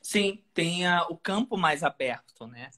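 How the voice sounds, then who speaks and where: A woman hosting a live stream, calmly explaining in casual chat. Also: on the low side, a little slow.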